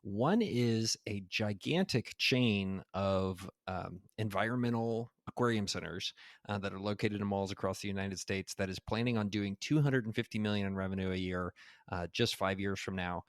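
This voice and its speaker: A man with a fairly low voice talks through business deals in a loose, conversational way. He fills gaps with "uh" and "um" as he goes. The sound is dry and close, with little room around it. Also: no room sound. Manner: relaxed, rambling with many fillers. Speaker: podcast co-host. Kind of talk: casual podcast chat.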